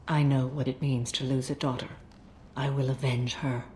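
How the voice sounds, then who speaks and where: A woman playing a solemn, vengeful alien warrior matriarch in a game, grave, measured and formal. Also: extremely low pitch, flat delivery, a little mellow, a little hiss or hum. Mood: solemn resolve. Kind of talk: game voice acting, dialogue.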